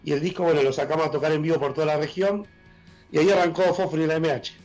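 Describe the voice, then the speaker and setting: A middle-aged Argentine man with a worn, husky voice, a blues musician talking enthusiastically on a casual radio interview over a video call. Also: on the high side, steady tone, a little mellow, faint music behind, rough recording. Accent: Argentine Spanish. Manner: enthusiastic, halting with fillers. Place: room at home, joining by video call.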